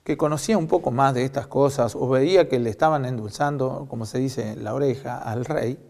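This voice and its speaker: A man with an Argentine accent preaching a sermon, telling a story reflectively with many pauses. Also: medium pitch, creaky, a little mellow. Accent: Argentine Spanish. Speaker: pastor.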